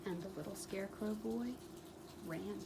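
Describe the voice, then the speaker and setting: With a gravelly, medium-pitched voice, a woman performs a children's book as a storyteller, pausing dramatically and repeating words for emphasis. The recording is very noisy.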